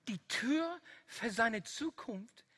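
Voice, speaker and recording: A preacher giving a sermon, slow and emphatic, building to loud climaxes. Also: mid-range voice, lively intonation, slightly rough.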